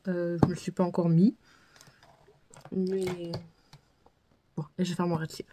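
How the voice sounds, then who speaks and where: A woman's voice: on the low side, flat delivery, normal speed. A woman vlogger chatting casually through a makeup tutorial, self-deprecating and full of fillers and repeated words. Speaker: beauty vlogger.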